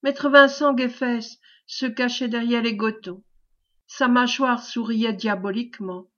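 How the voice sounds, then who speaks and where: A woman reading a classic novel aloud as an audiobook, measured storytelling. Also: a little high, fairly even intonation, a bit bright. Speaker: audiobook reader. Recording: dull lo-fi recording.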